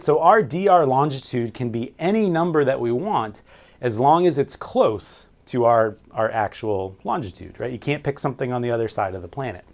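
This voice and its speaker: A forties-aged man stands at a whiteboard teaching navigation, his medium-pitched voice a little mellow. Framed pictures and signal flags fill the small room as he lays out each step and answers the questions he puts to himself.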